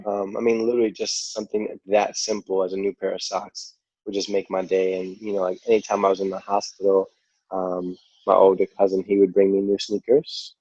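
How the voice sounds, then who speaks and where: A man with a New York accent telling his story as a podcast guest, relaxed and rambling, full of "like" and "you know.". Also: sits low, fairly quick, husky, dry recording. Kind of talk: casual interview storytelling. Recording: dull lo-fi audio.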